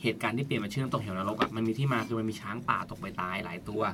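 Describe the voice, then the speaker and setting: A man's voice: lowish voice, rapid-fire, background noise. A man hosting a casual podcast, telling a story in a chatty way and repeating words as he thinks. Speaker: podcast host.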